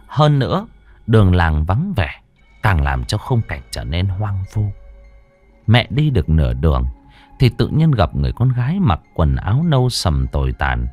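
A man narrating a ghost story in a dramatic, expressive way. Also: fairly low pitch, normal speed, faint music behind.

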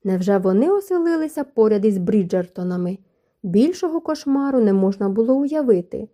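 A woman reads a novel aloud in an even storytelling manner. Her voice is very dark and mellow at a middle pitch. This is scripted audiobook narration. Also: fairly quick.

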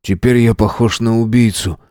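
A calm, mocking teenage schoolboy, as a male narrator voices him, speaking quietly and with defiance. The reading is level and close, in a dry room. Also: mid-range voice, moderate pace, clear, resonant tone, dry recording, lightly acted. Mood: defiant.

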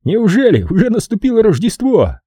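A man's voice: high-pitched, huge pitch swings, a little slow, dark tone, dry recording, clean studio sound, voice pushed up, heavily acted. A man reading an audiobook, voicing a sneering, hot-headed male thug who hisses threats. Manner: sneering and hissing.

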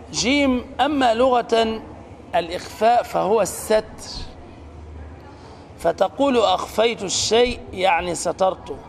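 A man teaching the rules of Quran recitation, explaining slowly and stretching out words and sounds to demonstrate them. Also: high-pitched, gravelly, slight background noise. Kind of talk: tajweed lesson.

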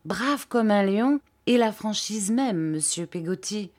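A woman's voice: medium pitch, lively intonation, measured pace, darkish tone, voice pushed up, close to an everyday voice. Woman reading an earnest, gushing young boy. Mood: admiring. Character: earnest, admiring young schoolboy.

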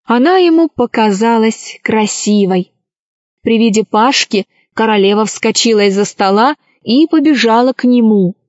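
A woman narrating a children's story aloud in a calm, even manner. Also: a little high, moderate pace, no room sound. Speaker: storybook reader. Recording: dry, slightly dull recording.

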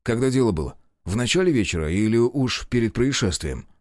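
A man voicing a calm male investigator who questions persistently and measuredly, in an audiobook. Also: medium pitch, brisk, no echo, clean studio sound, natural voice. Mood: probing.

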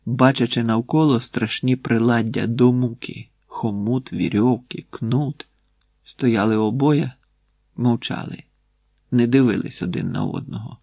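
A man reads a dark historical story in a measured, grave way. His voice is husky, and the recording is dry and close with no room around it. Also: medium pitch, dry recording. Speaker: narrator. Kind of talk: audiobook reading of a historical tale.

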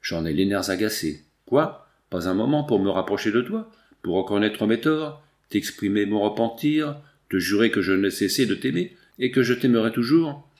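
A man reading the part of a young married woman pleading with her lover, in his own low, gravelly voice. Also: animated, moderate pace, few pauses, a little mellow. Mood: earnest.

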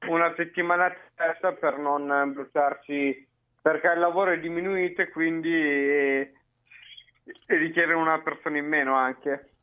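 Man on speakerphone, tinny phone line, easygoing rambling talk, fairly high voice. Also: fairly even intonation, unhurried, clean tone. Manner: easygoing, rambling, repeats himself. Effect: on speakerphone over a phone line. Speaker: caller. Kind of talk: casual chat. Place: at home.

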